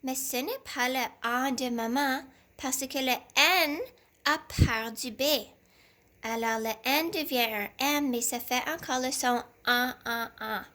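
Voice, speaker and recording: A woman teacher leads a reading lesson for young children from home. She talks at a very unhurried pace, stretching out each syllable with care, in a somewhat high voice. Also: steady tone, a bit bright. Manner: slow and deliberate, sounding out syllables.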